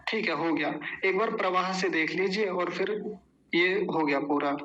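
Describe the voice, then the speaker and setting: A man leads a recitation lesson, speaking slowly and deliberately, breaking each word apart and repeating it until it sticks. His voice sits high for a man and rings bright and clear. He explains patiently, then drills the sounds in call-and-response. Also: highs cut off, slight background noise. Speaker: Sanskrit recitation teacher.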